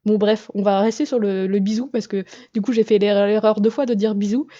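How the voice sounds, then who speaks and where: A woman's voice: medium pitch, fairly even intonation, brisk, warm tone, highs cut off. A woman vlogging casually to her viewer, rambling and jokey with lots of fillers and self-corrections. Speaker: YouTuber and comic artist. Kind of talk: casual vlog addressed to the viewer.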